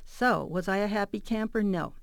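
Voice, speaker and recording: Gravelly-voiced woman telling a family story. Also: mid-range voice, moderate pace, no room sound. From South Phoenix, US Southwest. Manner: animated, acts out family dialogue. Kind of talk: personal storytelling.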